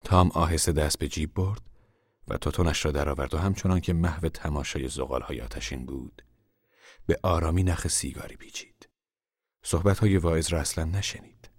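A man narrating a literary radio drama in a measured, solemn way. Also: rumbling low, no echo, clean studio sound.

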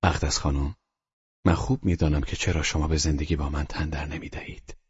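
In an earnest, heavily acted storybook reading, a man plays a calm older doctor. His very deep voice stays soft and husky, often slipping into whispers. The audio is dull and lo-fi.

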